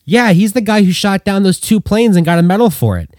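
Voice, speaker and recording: A man voicing an excited young male airman with a lisp who yells his lines. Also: sits high, brisk, dry recording, studio quality, pitched above the performer's own voice. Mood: eager. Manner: yelling.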